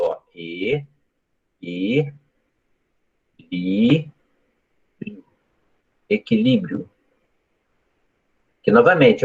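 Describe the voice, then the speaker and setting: A man teaches a live online Portuguese grammar lesson, explaining step by step and often checking that students follow. His mid-range voice has a breathy edge, and the recording's highs are cut off.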